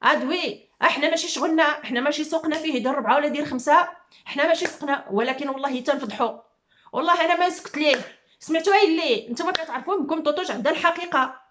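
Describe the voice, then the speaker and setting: A woman's voice: high-pitched, fairly bright tone. A middle-aged woman with a Moroccan accent ranting to her viewers, heated and accusing, repeating her phrases again and again. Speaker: YouTuber.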